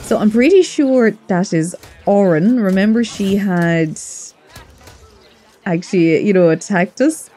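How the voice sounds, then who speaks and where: A woman's voice: medium pitch, animated, unhurried, mellow. A woman giving casual, chatty let's play commentary, reacting aloud as she plays.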